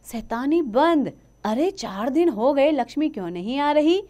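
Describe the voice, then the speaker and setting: A woman reading the part of a brisk, concerned school teacher. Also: high-pitched, animated, warm tone, voice pushed up.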